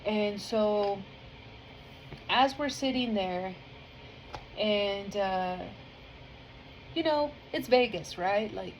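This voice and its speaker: A woman's voice: medium pitch, drawn-out words, pauses often, slight background noise, poor audio. Earnest woman sharing a heartfelt testimony. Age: adult with a family. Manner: earnest and heartfelt, rambling with many fillers; emotional, easily moved to tears. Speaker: vlogger sharing a faith testimony. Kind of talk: casual spoken testimony.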